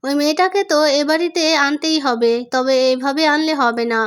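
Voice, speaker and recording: A woman's voice: high-pitched, normal speed, lightly acted. Woman reading as a decisive family uncle. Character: confident family uncle and father.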